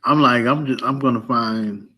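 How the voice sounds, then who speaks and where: A man's voice: medium pitch, moderate pace, pushed and bright, husky, poor audio. Guy chatting casually, middle voice, playful, lots of ums. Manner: playful, hesitant with fillers. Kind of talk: casual podcast chat.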